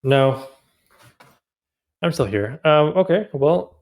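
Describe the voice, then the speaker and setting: A man's voice: on the high side, lively intonation, slow pace, darkish tone. A man co-hosting a casual film-review podcast, recorded in a bare room with nothing on the walls, so his voice echoes like a cave. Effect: echoey bare room that sounds like a cave. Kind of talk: casual chat.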